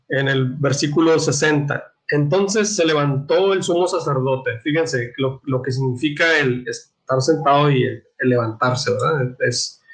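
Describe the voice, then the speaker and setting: A man teaching a catechism class, reading scripture aloud and explaining it with many restarts, throat clearing and questions to his listeners. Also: mid-range voice, rough recording. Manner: halting, repeats words, frequent throat clearing, asks "¿verdad?".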